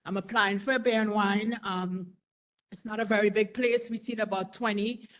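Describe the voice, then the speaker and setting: A woman's voice: mid-range voice, steady tone, normal speed, rough recording. A woman in her forties, a restaurant owner, speaking at a community meeting in an earnest, rambling way with many "you know"s. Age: 40s. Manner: earnest, repeats herself, fillers like "you know". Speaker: restaurant owner applying for a license. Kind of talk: public comment at a community meeting.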